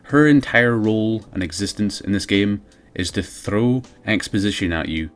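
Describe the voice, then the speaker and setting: A man's voice: lowish voice, moderate pace, smooth, faint music behind. A man giving casual, sardonic, sweary comedic commentary as a video game reviewer.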